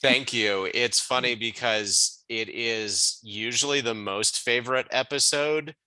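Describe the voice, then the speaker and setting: Male podcast host, upbeat and energetic, bright sharp tone, dry close sound. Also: mid-range voice, unhurried, clear, resonant tone, no room sound, rough recording. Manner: upbeat, hyping up the guest. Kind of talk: podcast interview.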